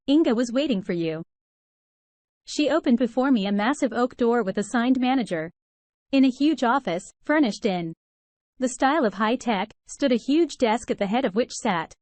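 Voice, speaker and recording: A woman reading a first-person story aloud in an even, steady manner without fillers. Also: a little high, no echo. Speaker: story narrator.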